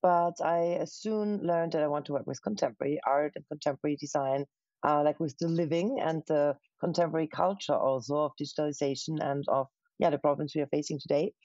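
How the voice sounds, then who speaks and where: A woman's voice: low-pitched, steady tone, darkish tone, dry recording, lo-fi sound. A woman from Austria, a museum curator, answering interview questions thoughtfully from her living room over a video call. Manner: thoughtful, pauses with fillers. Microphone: webcam on a video call.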